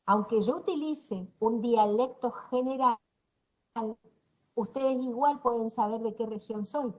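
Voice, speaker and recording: This middle-aged woman, a university lecturer with a northeastern Argentine Spanish accent, has a fairly high but darkish voice and takes her time. Lecturing online by video call on a rough recording, she breaks things down step by step, keeps checking that students are following and adds dry, teasing asides.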